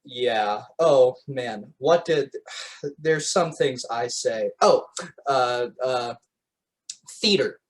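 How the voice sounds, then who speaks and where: Male podcast host, easygoing and unhurried, casual chatter. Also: mid-range voice, low-quality recording. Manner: laid-back, easy back-and-forth with "yeah, man". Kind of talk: casual interview chat.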